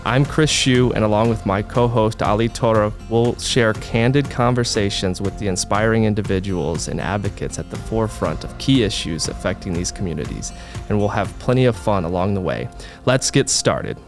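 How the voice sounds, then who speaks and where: A man hosting a podcast, reading the show's intro and then interviewing a guest in a relaxed, conversational way with self-deprecating asides. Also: fairly low pitch, moderate pace, soft background music. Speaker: podcast host.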